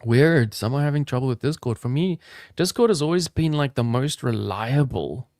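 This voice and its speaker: A South African man whose accent has softened toward American hosts a live crypto trading stream, chatting upbeat and casual straight to his viewers. His mid-range voice is animated at a moderate pace, with studio-quality sound and no echo.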